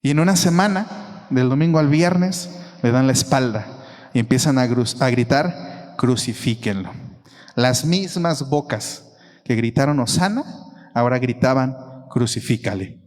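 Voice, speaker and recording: A man's voice: mid-range voice, unhurried, a little mellow. A man with a Mexican accent preaching a sermon as a pastor in a church, emphatic and repeating phrases for stress. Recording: long reverb of a church hall.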